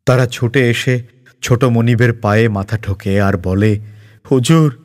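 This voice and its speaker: A man narrating a cartoon story in a lively, expressive reading style. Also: mid-range voice, a little slow. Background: background music.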